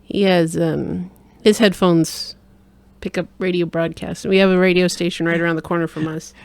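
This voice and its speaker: A woman's voice: on the low side, little pitch movement, moderate pace, darkish tone, clean tone, dry recording. A woman co-hosting a casual chat in a home studio, playful and teasing, laughing often. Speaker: co-host.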